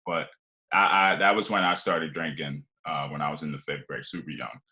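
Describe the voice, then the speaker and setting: Speaking at an extremely low pitch with fairly even intonation, this twenty-something guest originally from Liberia tells his life story on a podcast. The tone is bright and forceful, the pace moderate, and the talk loose and rambling, full of fillers and restarts.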